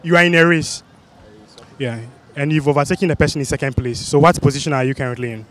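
Young man, West African accent, slightly high voice, street quiz host, outdoors. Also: steady tone, quick pace, noisy background. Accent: West African, Ghanaian. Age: young adult. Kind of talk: street interview, repeated quiz questions. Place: busy outdoor spot under a city flyover. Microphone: handheld microphone.

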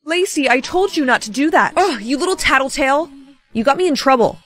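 A text-to-speech woman's voice reading many parts of a storytime tale, with a fast, flat synthetic delivery. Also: high voice.

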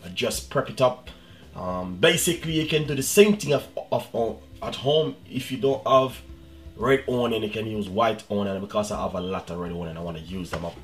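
A man's voice: on the low side, fairly quick. Chatty Jamaican man cooking, music behind. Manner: chatty, repeats "guys" and "you know what I mean". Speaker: cooking channel host. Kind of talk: casual cooking demonstration.

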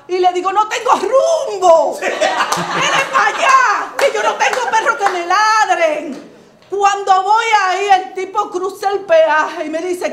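Brash streetwise comic character, Dominican accent, whooping "oh!" while laughing, echoey room, noisy background. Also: female voice, very high-pitched. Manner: shouts "oh!" between lines, laughing while telling the story. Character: brash streetwise woman, loud, shameless bus-dodging hustler. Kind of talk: stand-up comic monologue. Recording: echoey studio with background noise.

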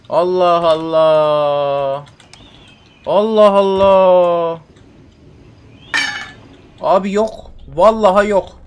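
Exasperated young man commentating gameplay. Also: high-pitched. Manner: exasperated, repeats himself, mutters and swears. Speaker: gamer streaming a horror game.

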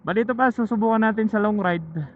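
A Filipino motorcycle vlogger with a high-sitting male voice chats casually to viewers while riding mountain roads outdoors. Recorded through a helmet intercom microphone, the sound is tinny, muffled and phone-like, with loud vehicle noise. He's chatty but halting, thinking aloud as he goes.

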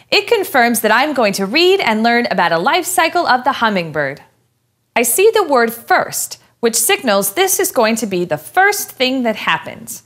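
A young woman playing a curious, cheerful student, reading aloud clearly and expressively in a scripted educational show. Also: a little high, fairly bright tone. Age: young adult.

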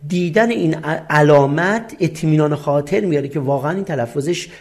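A middle-aged man with a Persian accent, teaching a recorded English lesson and explaining each point step by step, asking questions and answering them himself. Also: a little high.

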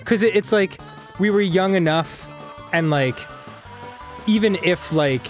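A man's voice: sits high, a little slow, faint music behind. A man co-hosting a let's play, rambling through stories and laughing often. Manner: rambling storyteller, laughs often, mock-sings. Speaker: co-host. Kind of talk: let's play commentary, casual chat.

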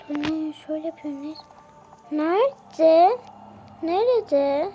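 Child girl vlogger, very high and unhurried, repeats her questions while she plays. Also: expressive, mellow, soft background music, low-quality recording. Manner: searching aloud, repeating questions. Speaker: game vlogger. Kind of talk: casual gameplay commentary.

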